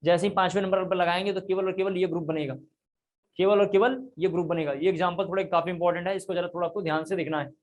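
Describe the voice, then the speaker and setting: A man's voice: sits high, fairly even intonation, quick pace, dull audio. A man teaching a chemistry class, explaining step by step and repeating key points. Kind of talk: classroom lecture.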